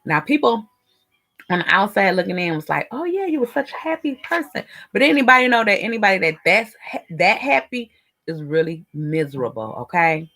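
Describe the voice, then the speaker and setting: A woman's voice: fairly low pitch, sharp tone. A middle-aged woman, chatting candidly to her viewers while she eats and does her makeup. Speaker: lifestyle vlogger. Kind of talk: casual chat while doing makeup.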